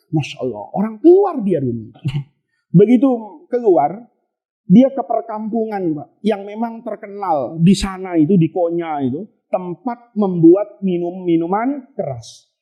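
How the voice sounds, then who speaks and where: A man's voice: sits high, lo-fi sound. Chuckling male preacher telling a story. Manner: jokey, chuckling, slangy asides. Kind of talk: humorous sermon storytelling.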